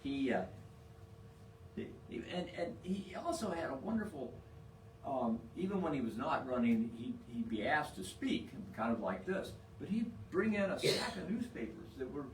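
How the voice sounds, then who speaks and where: A man giving an informal, humorous lecture in a halting, hesitant way, pausing often to search for words. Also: medium pitch, big pitch swings. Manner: halting, hesitant delivery with long searching pauses. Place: indoor lecture room, picked up from afar. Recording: distant echoey room, faint noise.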